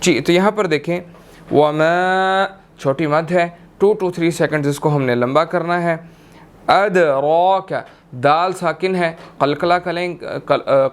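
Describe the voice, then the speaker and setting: A young man teaching how to recite a scripture, chanting each verse and then explaining the pronunciation rules patiently, step by step. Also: fairly high pitch. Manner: patient step-by-step explaining, often checking in with "okay"; drawn-out melodic chanting when reciting verses.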